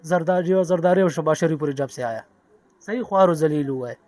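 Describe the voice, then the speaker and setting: A man's voice: on the high side, a little fast, darkish tone, no room sound. A man with a Pakistani accent who sells secondhand shoes at a street market, giving short, blunt answers. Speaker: secondhand shoe seller.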